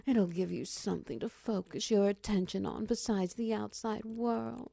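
A woman performing an intimate audio roleplay, speaking slowly and softly with a teasing manner that often drops into whispers. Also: mid-range voice, vocal fry, slightly rough, no room sound. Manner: slow, soft and teasing, dipping into whispers.

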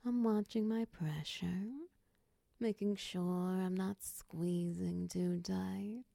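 A woman voicing a motherly, possessive snake-tailed woman in a soft, close, whispered ASMR roleplay, coaxing and soothing. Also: fairly low pitch, fairly even intonation, slow pace, dry recording, full character voice. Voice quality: breathy whisper.

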